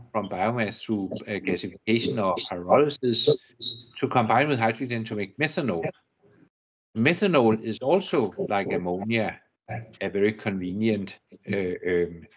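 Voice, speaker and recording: Older Danish man lecturing, husky and low. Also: muffled recording. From Denmark. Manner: measured, halting, with frequent restarts and repeated words. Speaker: guest lecturer. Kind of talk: technical lecture. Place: university lecture room.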